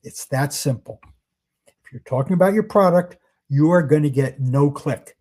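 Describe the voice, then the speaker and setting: Emphatic male sales trainer, dark voice. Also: on the high side, moderate pace. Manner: conversational, emphatic, asks rhetorical questions. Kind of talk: workshop presentation.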